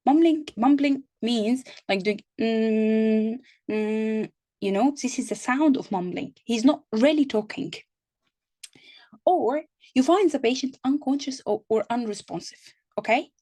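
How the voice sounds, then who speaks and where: A woman's voice: fairly high pitch, a little mellow. A woman tutoring an online exam-prep session, repeating and restarting words, with reassuring asides.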